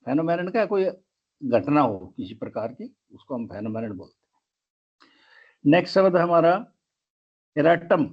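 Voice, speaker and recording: A man's voice: a little high, big pitch swings, moderate pace, long pauses, breathy edge, dull audio. A man teaching English grammar in a lesson, spelling words out letter by letter.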